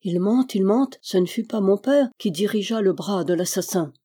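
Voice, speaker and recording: Brief: woman narrator voicing a feverish devout young noblewoman, urgent and prayerful, mellow tone. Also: mid-range voice, lively intonation, normal speed, slightly rough. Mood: dazed.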